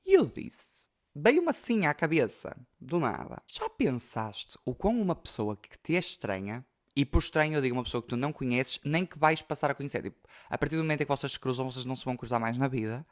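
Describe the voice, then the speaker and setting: A man's voice: medium pitch, big pitch swings, fast. Chatty young Portuguese man telling stories. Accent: European Portuguese. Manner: chatty, emotional, many fillers. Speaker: podcast host. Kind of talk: casual storytelling.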